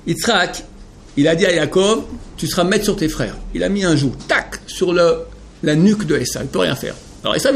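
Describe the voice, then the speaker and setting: A man giving a Torah lecture to an audience of men, emphatic and rhetorical, swinging between hushed explanation and impassioned questions. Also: a little high, a little hiss or hum. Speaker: rabbi teaching Torah.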